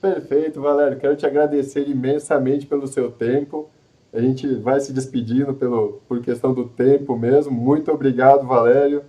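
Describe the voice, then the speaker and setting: Guy hosting a live web show, warm mellow voice, kinda repeats himself a lot. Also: mid-range voice, level tone, normal speed, dull audio. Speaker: host. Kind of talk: live web show chat and course pitch.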